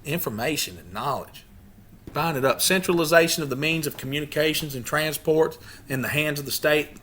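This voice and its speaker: A man's voice: fairly high pitch, fairly quick, fairly bright tone. A man hosting a channel, leading a lecture-style study session, who speaks emphatically, keeps asking his listeners rhetorical questions and often restarts his words. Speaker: YouTube channel host leading a study group. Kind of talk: lecture-style talk to a group.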